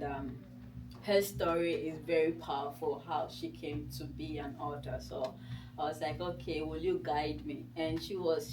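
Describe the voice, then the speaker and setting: This guest author, a Ghanaian-accented woman whose first language is Nzema, speaks in a low voice. She tells her personal story informally and conversationally, acting out what she once thought, and the mic picks her up from a distance in a room.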